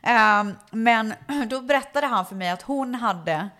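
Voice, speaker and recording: A woman in her thirties, co-hosting a relaxed podcast chat. She tells stories in an animated way and acts out other people's lines as she goes. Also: fairly high pitch. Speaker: podcast co-host. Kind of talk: casual chat.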